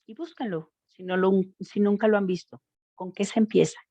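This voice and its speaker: A woman's voice: medium pitch, steady tone, moderate pace, warm tone, no room sound, dull audio. A woman giving an informal school talk on gender violence, speaking expressively and addressing the audience directly. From Mexico.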